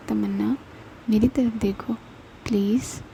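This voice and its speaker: A woman narrator puts on a young woman who hurries and snaps yet cares deeply. The voice is mellow and dark, with a gravelly rasp and little rise or fall. It sounds like a home-recorded storybook reading. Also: steady tone, a little hiss or hum, close to an everyday voice, rough recording. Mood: coaxing. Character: young woman, brisk and impatient but tender.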